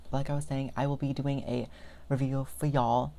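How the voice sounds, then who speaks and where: A woman's voice: extremely low pitch, level tone, unhurried, vocal fry, noisy background. A young woman vlogger talking casually and rambling, chatty and self-deprecating. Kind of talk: casual rambling product vlog.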